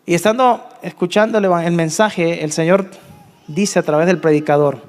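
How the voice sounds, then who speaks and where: A man in his thirties with a Colombian Spanish accent, telling his testimony in a sermon, swinging between hushed confession and emphatic peaks. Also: steady tone, moderate pace, long reverb tail. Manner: emotional storytelling, dropping to hushed tones and rising to emphatic highs. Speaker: preacher.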